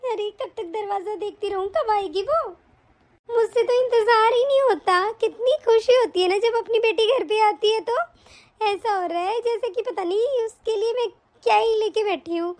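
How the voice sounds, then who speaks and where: A vain, scheming mother-in-law in a cartoon story, as a woman voices her, muttering and grumbling. The voice sits very high despite her age. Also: moderate pace, a little mellow. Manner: grumbling, muttering, self-pleased. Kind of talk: animated story voice acting.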